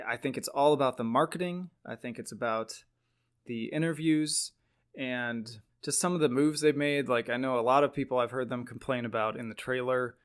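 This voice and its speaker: A man's voice: mid-range voice, moderate pace, smooth. Earnest, emphatic man giving casual opinion commentary. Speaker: video commentator.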